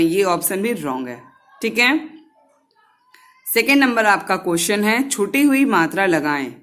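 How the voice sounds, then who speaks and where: A woman's voice: mid-range voice, fairly bright tone. Female primary teacher, patient and repetitive, talks young pupils through worksheet questions. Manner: slow, patient, repeats words and syllables for children; asks questions and answers them herself. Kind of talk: online lesson on Hindi vowel signs.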